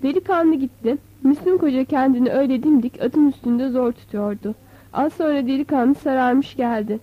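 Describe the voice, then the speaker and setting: High-voiced woman reading a novel. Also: normal speed. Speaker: narrator. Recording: dull, slightly lo-fi.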